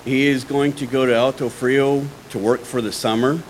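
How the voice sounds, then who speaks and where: A man's voice: mid-range voice, steady tone, moderate pace, background noise. A man making informal church announcements who stumbles now and then. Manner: informal, stumbling over words.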